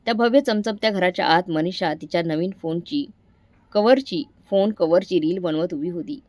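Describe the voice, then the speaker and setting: A woman reading an emotional story aloud in a dramatic, expressive storytelling style. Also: lowish voice, normal speed, dry recording. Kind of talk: scripted story narration. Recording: dry close recording.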